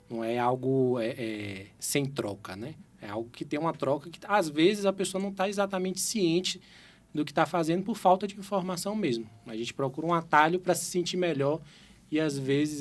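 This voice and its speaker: A man in his thirties from Salvador, a cardiologist guest, explaining carefully in an interview with frequent tag questions. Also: a little high. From Salvador, Brazil. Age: 30s.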